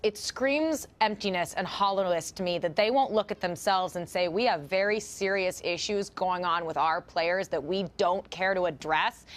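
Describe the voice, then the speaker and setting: A woman guest on a news panel who gives her opinion in a steady, argumentative flow. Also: lowish voice.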